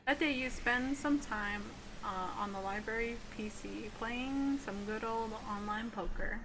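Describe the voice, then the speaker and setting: A woman's voice: fairly high pitch, a little slow, low-quality recording. A woman livestreamer reading a game aloud with casual asides, often giggling as she reads. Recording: music behind the voice.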